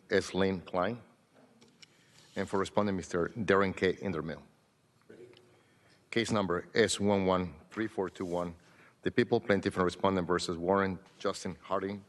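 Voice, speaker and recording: A man working as court clerk, formally reading out a calendar in a courtroom. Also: sits low. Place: large courtroom. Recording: echoey courtroom hall.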